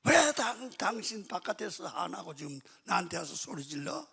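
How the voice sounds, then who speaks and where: A man voicing his exasperated, sharp-tongued wife in a sermon anecdote. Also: fairly low pitch, animated, brisk, creaky, slightly rough, long reverb tail, heavily acted. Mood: indignant.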